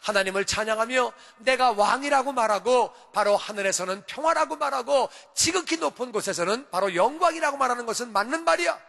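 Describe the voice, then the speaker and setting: A male pastor preaching with a very high, bright and ringing voice. He drives each point home through emphatic repetition and rising calls. His voice carries a long church hall reverb. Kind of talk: sermon. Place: church sanctuary.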